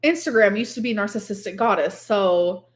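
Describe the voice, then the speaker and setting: A woman's voice: mid-range voice, animated, normal speed. A drunk woman in her thirties chatting casually on a livestream, rambling and confessional. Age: 30s.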